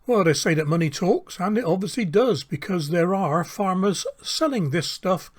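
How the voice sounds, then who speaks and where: A man's voice: high voice, normal speed, no echo, clean studio sound. An older man, talking casually and indignantly to camera as a gardening vlogger, hammering home key words. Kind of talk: casual vlog commentary.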